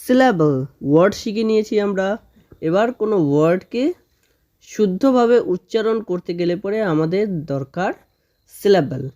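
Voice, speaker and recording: A woman teaching a grammar lesson for children, slowly sounding out words syllable by syllable and often checking in with her students. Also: medium pitch, animated, warm tone. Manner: slow drawn-out spelling of words, syllable by syllable; frequent "okay?" check-ins with students.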